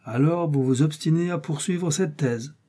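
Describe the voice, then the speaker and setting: Man putting on a lecturing Jesuit priest, raised voice, husky, mellow tone, storybook. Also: fairly high pitch, moderate pace, pitched above the performer's own voice, close to an everyday voice. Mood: reproving. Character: pompous, zealous male Jesuit priest.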